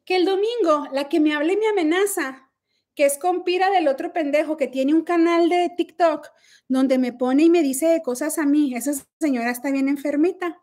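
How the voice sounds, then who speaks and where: Brash, profane high-pitched Mexican woman. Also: normal speed, a little mellow. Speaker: livestream host. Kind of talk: casual livestream chat.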